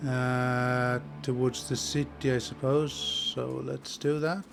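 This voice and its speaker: Male gaming host, unhurried and hesitant, mid-pitched, casual commentary with game music underneath. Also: little pitch movement, creaky. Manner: hesitant, thinking aloud. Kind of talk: casual let's play commentary.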